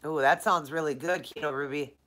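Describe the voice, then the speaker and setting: A live-stream host from Minnesota, USA, runs a casual Q&A, chatting with viewers by name while her nose is stuffed up from allergies. Her voice sits low and a bit bright, with a steady tone and a slightly fast pace.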